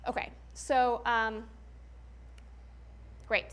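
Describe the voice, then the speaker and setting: A woman's voice: fairly high pitch, flat delivery, drawn-out words, a bit bright, clean tone. A young adult woman giving a candid talk, frank and chatty, full of "like" and "um" fillers, laughing often.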